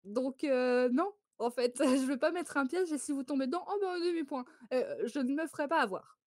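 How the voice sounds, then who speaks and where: A woman from France runs a casual photo quiz for a live-stream audience. Her voice sits slightly high and sounds close and dry with no room behind it. She chats loosely, laughs often and keeps breaking off to greet viewers. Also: normal speed, darkish tone, no room sound.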